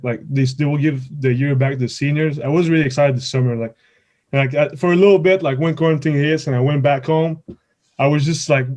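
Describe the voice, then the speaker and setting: A man's voice: mid-range voice, darkish tone. A man in his twenties from Quebec, a native French speaker with a Quebec French accent, answering interview questions in a casual, rambling, informal way. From Quebec, Canada. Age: 20s. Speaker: college baseball player, podcast guest.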